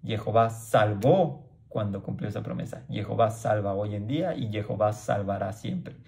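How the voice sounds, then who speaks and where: A man's voice: fairly low pitch, moderate pace, creaky, darkish tone. A man teaching a Bible passage informally, often checking in with the listener and restarting his sentences. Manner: conversational, frequent "¿sí?" checks, restarts; acts out crowd voices in quoted lines.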